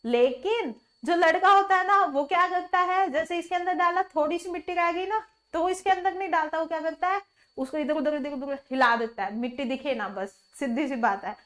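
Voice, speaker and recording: Chatty high-voiced woman teaching vocabulary. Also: normal speed, fairly bright tone. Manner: chatty, asks the viewer questions and answers them herself; mixes Hindi with English words. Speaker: English teacher. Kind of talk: online vocabulary lesson.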